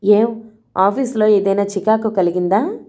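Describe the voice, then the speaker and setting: A woman voicing a caring man, an elder brother who questions slowly and gently. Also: medium pitch, lightly acted. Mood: concerned. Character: male hospital patient, caring elder brother.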